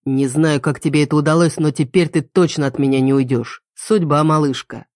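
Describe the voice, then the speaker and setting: A woman voicing an obsessive young male kidnapper who talks low, taunting and falsely tender. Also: steady tone, brisk, a little mellow, no room sound, studio quality, natural voice.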